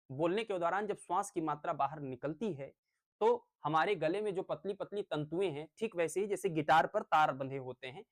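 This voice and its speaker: A male teacher giving a lecture on phonics, explaining step by step with everyday examples. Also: a little high.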